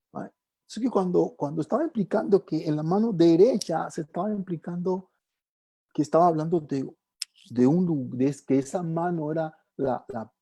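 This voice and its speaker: A Bible class teacher leading a church class, asking the room rhetorical questions and checking in with quick tag questions. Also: medium pitch, dark tone, breathy edge. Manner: keeps tagging questions to the class; asks and answers rhetorical questions.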